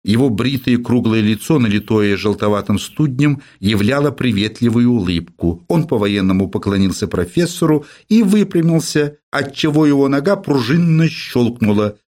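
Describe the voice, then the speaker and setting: A man's voice: medium pitch, animated, normal speed, hardly any pauses, a little mellow. A man narrating an audiobook expressively. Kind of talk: literary narration.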